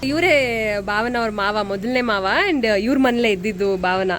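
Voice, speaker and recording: A woman's voice: mid-range voice, moderate pace, a bit bright, soft background music. A young woman chatting casually for her vlog in a family home, laughing often and putting questions to the people around her. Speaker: vlogger. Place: family home at an engagement function.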